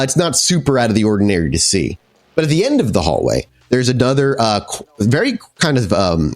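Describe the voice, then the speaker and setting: A medium-pitched man acts as storyteller for a tabletop horror game, improvising descriptions conversationally and swearing casually here and there.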